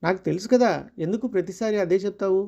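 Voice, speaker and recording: A storyteller voicing a middle-aged husband near retirement, calm and measured as he explains money matters in a story reading. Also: mid-range voice, creaky, lo-fi sound, natural voice. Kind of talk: storytelling dialogue.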